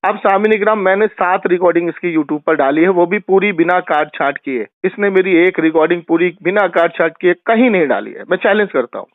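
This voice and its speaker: High-voiced man shouting down a phone. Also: expressive, hardly any pauses, no room sound. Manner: combative, taunting, accusing. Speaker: religious debater. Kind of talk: heated phone argument. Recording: tinny phone line.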